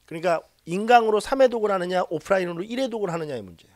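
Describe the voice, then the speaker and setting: A man teaching a live exam-prep history class, teasing his students and leading them in loud call-and-response drills. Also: sits high, animated, racing, dry recording, clean studio sound. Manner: teasing, talks down to students jokingly. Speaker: civil service exam history lecturer.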